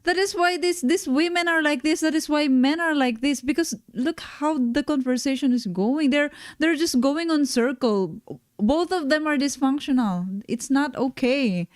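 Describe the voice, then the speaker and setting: A woman streamer reacting to a panel video in live commentary, critical and exasperated, with halting restarts. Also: sits high, dry recording, studio quality.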